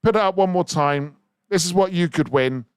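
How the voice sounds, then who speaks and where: Man, radio host, charity auction, energetic, high voice, dry close sound. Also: moderate pace, clean tone, no echo. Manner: energetic, urging bids, rising excitement. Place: radio studio.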